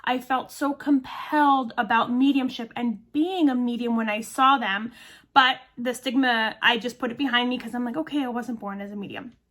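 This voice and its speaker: Chatty high-voiced woman in her thirties. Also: fairly even intonation, normal speed, fairly bright tone. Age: 30s. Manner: chatty, earnest, addresses viewers directly. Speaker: medium and energy healer, channel host. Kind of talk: casual talk to camera.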